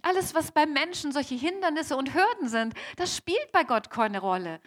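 A woman speaking in character as a young, devout Mary in a first-person sermon, slow and emphatic, repeating key phrases and addressing the congregation directly. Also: high-pitched, big pitch swings. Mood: earnest. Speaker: preacher in character.

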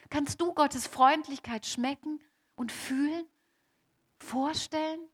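A woman speaking in character as a young, devout Mary in a first-person sermon, slow and emphatic, repeating key phrases and addressing the congregation directly. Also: high-pitched, a bit bright. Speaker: preacher in character.

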